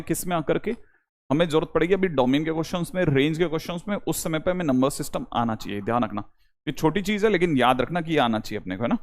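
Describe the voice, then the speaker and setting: A young man teaching a maths class online, repeating reminders to his students and switching between Hindi and English. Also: on the high side. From India. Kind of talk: online lecture.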